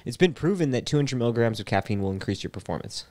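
A man's voice: medium pitch, animated, fast talker, darkish tone. A man co-hosting a podcast in casual chat, easygoing and agreeable, often chiming in with short affirmations. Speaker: podcast co-host.

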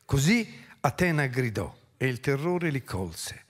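A man on a theatre stage reads an ancient epic aloud, swinging his pitch widely as he dramatizes each line. Between passages he explains the story in a plain, conversational way. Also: measured pace. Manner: expressive reciting with lively swings in pitch. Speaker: reader and storyteller. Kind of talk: epic reading and comic stage banter.

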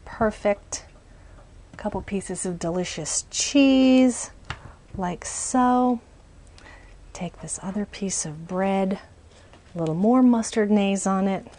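A woman's voice: mid-range voice, takes it slowly, long pauses, dark tone. Woman, cooking show host, upbeat, step-by-step, small RV kitchen, medium-distance mic. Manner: upbeat, chatty, step-by-step instructions. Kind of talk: cooking demonstration.

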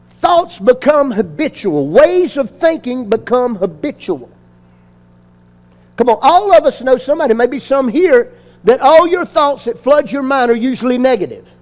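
A pastor, preaching a sermon, repeating phrases and calling on the congregation to answer. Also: male voice, extremely high pitch, a little mellow. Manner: call-and-response preaching with repetition and emphasis.

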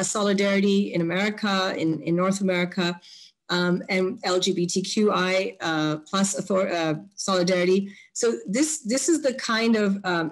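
A woman presenting her book in an academic webinar over a video call, talking hesitantly with many fillers and restarts. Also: medium pitch.

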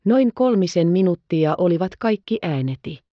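A woman narrating an audiobook in a calm, measured reading. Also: on the low side, dry recording, highs cut off. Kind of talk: scripted narration.

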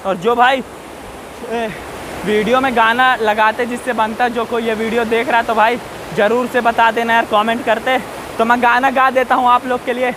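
Male vlogger, very high voice, casual chatty talk, outdoors by a waterfall, faint water hiss behind. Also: little pitch movement. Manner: chatty, keeps addressing viewers, repeats safety warnings. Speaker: travel vlogger. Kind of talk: casual walking vlog. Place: outdoors on rocky hillside by a waterfall. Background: faint rushing waterfall.

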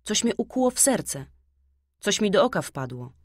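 A woman's voice: mid-range voice, sing-song, moderate pace, no room sound, studio quality, pitched above the performer's own voice. A woman voicing a spiteful young boy with a cold heart, talking in a mocking, contemptuous way in a storybook reading. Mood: startled.

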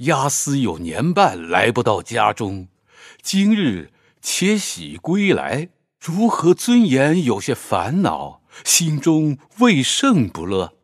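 An actor playing a jovial older village innkeeper who teases in a slow, hearty way. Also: male voice, medium pitch, wildly swooping pitch, no room sound, clean studio sound, heavily acted. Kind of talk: audio drama acting.

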